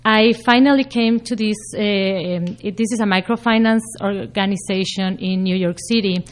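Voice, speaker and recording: A woman's voice: medium pitch, normal speed. Earnest woman. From Mexico. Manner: earnest, fluent with some hesitations. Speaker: guest, nonprofit founder. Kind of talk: interview answers. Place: radio studio.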